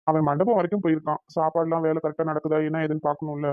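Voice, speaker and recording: A calm, soothing cartoon groom, voiced by a woman with a lowish voice. He speaks patiently and affectionately. The sound is dry and a little dull, like a lo-fi recording. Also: racing, no echo, close to an everyday voice.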